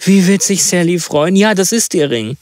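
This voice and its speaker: A man's voice: a little high, normal speed, dry recording, studio quality, pitched above the performer's own voice, lightly acted. A man voicing an anxious, talkative old woman in a storybook reading, rambling in fussy bursts. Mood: delighted. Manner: rambling, fussy, breathless chatter.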